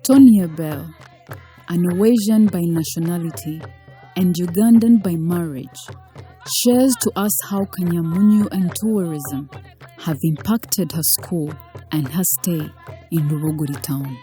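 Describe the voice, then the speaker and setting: A woman reading scripted documentary narration in a formal, even way. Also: on the low side, a little slow, faint music behind.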